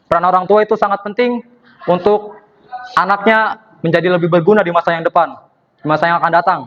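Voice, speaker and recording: A man's voice: high voice, fairly even intonation, fast, fairly bright tone, dull audio. A young male student performing stand-up comedy, acting out the people in his stories with changed voices. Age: young adult. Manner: acts out dialogue, switching voices for characters. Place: performance room at a university.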